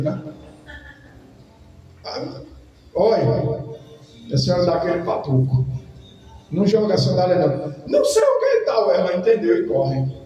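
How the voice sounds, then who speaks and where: A pastor preaching a lively sermon to his congregation, swinging between loud calls and quiet asides. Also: sits high, slight background noise. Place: church hall. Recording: echoey hall, distant mic, faint music.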